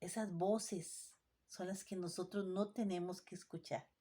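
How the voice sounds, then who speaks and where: A woman preaching to her congregation in a mellow, warm tone. She speaks with emphasis, poses rhetorical questions and repeats her points. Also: fairly low pitch, steady tone, unhurried, slightly rough. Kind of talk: sermon.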